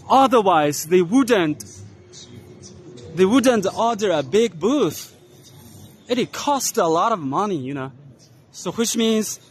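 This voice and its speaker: A man casually narrating a walking tour of a trade expo, unhurried, spelling out brand names letter by letter as he walks. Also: sits high, slightly rough. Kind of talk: casual walk-and-talk narration. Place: large indoor trade expo hall.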